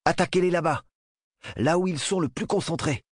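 Storybook boy commander, sharp and decisive, a man reading it, raised pitch, dry close sound. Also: moderate pace, no echo, natural voice. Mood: commanding.

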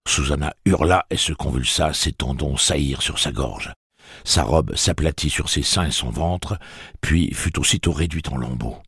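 A man reading a dark fantasy audiobook in an expressive storytelling manner. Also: extremely low pitch, normal speed, breathy edge, no echo, studio quality. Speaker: audiobook narrator. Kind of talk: dramatic audiobook narration.

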